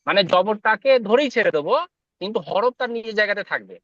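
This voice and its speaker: A man in a class asking the teacher careful questions, hesitant and full of pauses. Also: high-pitched, lively intonation, a bit bright, no room sound, highs cut off. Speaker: adult student.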